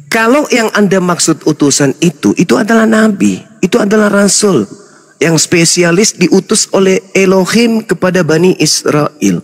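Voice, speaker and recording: A man's voice: high voice, lively intonation, normal speed, soft background music. A man, an Islamic preacher, in a heated interfaith debate, lecturing insistently and talking over the other man.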